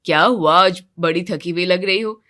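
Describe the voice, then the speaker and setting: A woman doing a tired, soft-spoken husband. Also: moderate pace, natural voice. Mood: calm, tired. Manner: subdued, low-key, quietly complaining. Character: weary grown man, soft-spoken husband. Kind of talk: animated storybook voice acting.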